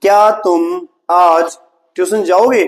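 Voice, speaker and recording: A man with an Indian accent and a fairly high voice runs a classroom English drill. He fires questions in Hindi and has students answer in English. He calls the students "beta" and praises them often. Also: steady tone, takes it slowly. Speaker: English teacher.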